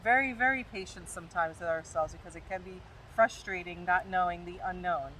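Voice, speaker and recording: A middle-aged woman, a doula co-hosting a casual chat, giving reassuring, gently instructive advice. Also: fairly low pitch, fairly quick, distant mic, a little hiss or hum, poor audio. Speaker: podcast co-host, doula.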